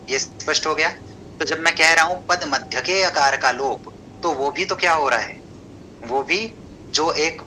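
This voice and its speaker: A man's voice: fairly high pitch, pushed and bright, slight background noise, rough recording. A man teaching a class, lecturing and asking questions that he answers himself, with English terms mixed in. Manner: mixes English terms into Hindi.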